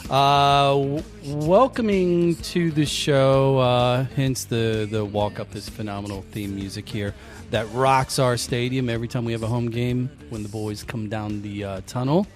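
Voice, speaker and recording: A man hosting a podcast in casual chat, joking and halting with fillers and restarts. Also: medium pitch, steady tone, faint music behind. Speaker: podcast host.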